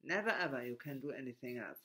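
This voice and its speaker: This German man, speaking with a German accent, muses aloud in halting fashion, restarting often and breaking his grammar. His mid-range voice comes across expressive, pushed, and bright.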